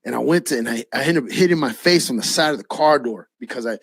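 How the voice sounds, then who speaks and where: A man preaching his own testimony as a lively storyteller, acting out the dialogue and dropping a casual "man" now and then. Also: medium pitch, fast talker, vocal fry, husky, no room sound. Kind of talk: spoken personal testimony.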